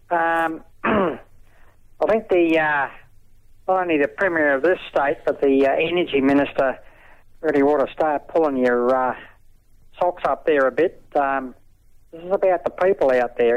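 A man with a broad Australian accent and a blokey tradesman's manner, giving earnest, emphatic opinions in folksy slang as a talkback caller. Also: on the high side. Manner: earnest, plain-spoken, emphatic. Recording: dull, lo-fi phone-in over radio.

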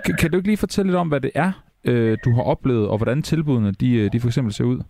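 Gravelly male radio host. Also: mid-range voice, lively intonation, warm tone, a little hiss or hum. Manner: halting questions with fillers. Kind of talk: radio talk show hosting.

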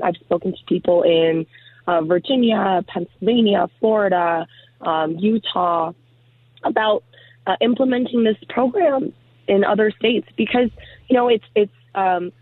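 A woman's voice: medium pitch, no room sound. A woman calls in as a guest, her voice squeezed into a thin, tinny phone band that sounds like AM radio. The line is dry with no room around it. She talks chattily, leaning on fillers as she goes. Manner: chatty, many fillers like um and you know. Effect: narrow lo-fi phone-line sound, like AM radio. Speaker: program founder, radio guest. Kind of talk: casual radio interview. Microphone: phone call into the studio.

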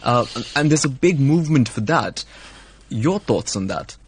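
A man interviewing a guest in a measured, probing, conversational manner. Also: medium pitch, lively intonation, a little hiss or hum.

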